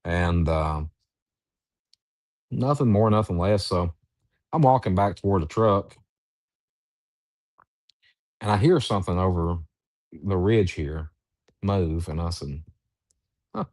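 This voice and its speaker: A man who researches Bigfoot, telling a story in a halting, drawn-out way with many restarts. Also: deep voice, a little mellow, dry recording, clean studio sound. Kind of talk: storytelling in an interview.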